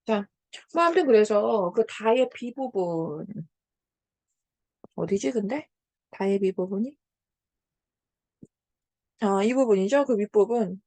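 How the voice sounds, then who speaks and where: A woman's voice: medium pitch, lively intonation, takes it slowly, long pauses, warm tone, dry recording. A woman teaching a Korean literature lesson, explaining a passage by paraphrasing it, with many fillers and frequent questions to check that students follow. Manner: asks students to confirm understanding.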